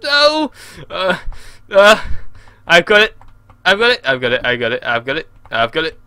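Shouty young English man gaming. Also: fairly high pitch, lively intonation, normal speed, smooth, no room sound, clean studio sound. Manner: shouty and exasperated. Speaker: gameplay commentator. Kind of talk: casual game commentary.

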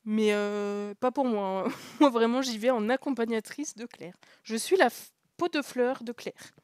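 Young woman streamer reading a visual novel out loud, jokey and chatty, lots of laughs and little hushed asides, dry close sound. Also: fairly high pitch, measured pace, clean tone, no room sound. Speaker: streamer playing a story game. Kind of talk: casual live commentary while reading a visual novel.

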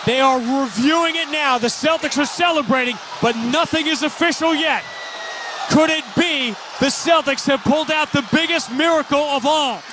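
An American man giving excited, dramatic live radio play-by-play, shouting with emphatic phrasing like a classic ballgame announcer. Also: extremely high pitch, normal speed. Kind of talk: excited live basketball radio commentary, in the manner of a radio baseball announcer. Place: live broadcast position in a packed indoor arena. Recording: loud arena noise behind the voice.

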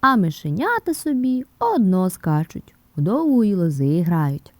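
A woman narrating a fairy tale in an expressive storyteller's manner, sometimes dropping to a whisper. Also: on the low side, a little slow, no echo. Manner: expressive, softening to a whisper in places. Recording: dry close mic with soft background music.

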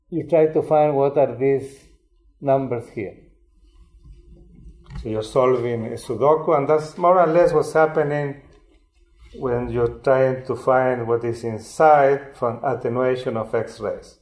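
An older man from Chile giving a public lecture, explaining in an unhurried way with frequent restarts. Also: medium pitch, a little mellow. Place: lecture hall. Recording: roomy lecture hall sound.

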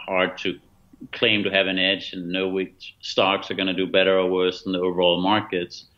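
A Danish-born man in his fifties speaks with a lowish voice, earnest and emphatic, often pausing on fillers. He is heard over a dull, muffled video-call line from a room at home. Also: bright, forceful tone. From Denmark. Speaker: guest, author and former fund manager. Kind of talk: remote interview answer. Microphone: laptop webcam video call.

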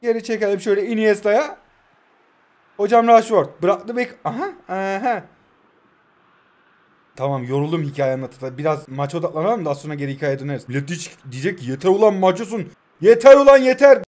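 Man, twenties, high-pitched voice, casual gameplay commentary, joking self-talk, excited play-by-play. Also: brisk, long pauses. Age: 20s. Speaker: mobile football game commentator.

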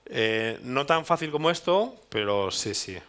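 A man's voice: mid-range voice, lively intonation, unhurried, a bit bright. A man in his thirties from Spain with a Spanish accent, giving a technical meetup talk in a hall, thinking aloud with restarts and tag questions. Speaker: meetup speaker. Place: dark presentation hall with audience.

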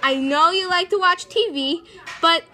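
A woman's voice: extremely high pitch, a little slow, sharp tone, heavily acted. A woman voicing a bossy male chef who scolds and nags, in a homemade toy video. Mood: scolding. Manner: scolding, insistent.

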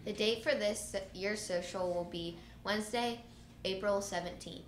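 A woman's voice: medium pitch, measured pace. A woman reads morning announcements over a school PA system in a plain, slightly stumbling delivery. Her mid-range voice rings through an echoey space. A noticeable noise floor sits under the speech. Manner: plain read-aloud delivery with small stumbles.

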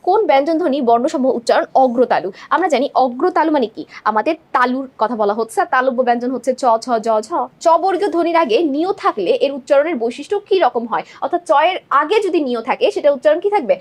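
Her high-pitched voice is expressive and fast, with few pauses, as this young teacher goes through multiple-choice answers step by step for an exam-prep class, often checking in with the students.

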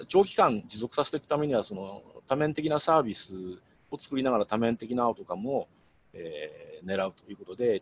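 Quick, lively middle-aged man presenting. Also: mid-range voice, slight background noise. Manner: explanatory, with frequent hesitation fillers. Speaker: guest speaker. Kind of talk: webinar presentation explaining slides.

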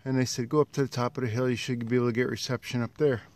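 A middle-aged hiker vlogger narrates casually into a handheld phone held at arm's length while out on a wooded trail and dam. His medium-pitched voice barely moves in pitch, comes out very fast, and sounds a little mellow. Outdoor background noise is clearly audible.

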